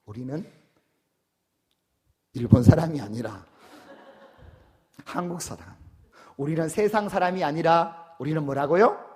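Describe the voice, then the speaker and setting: Preaching man with a higher voice. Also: a little mellow. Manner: emphatic preaching, putting questions to the congregation. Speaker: pastor. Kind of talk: sermon.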